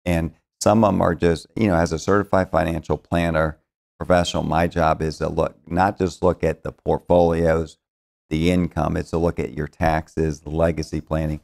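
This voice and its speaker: A middle-aged man with a low, gravelly voice talks in a TV studio interview. He tells stories in a rambling way, restarting his sentences and acting out the lines he quotes. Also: little pitch movement, moderate pace, darkish tone. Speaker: financial planner, show founder. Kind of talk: casual studio interview storytelling.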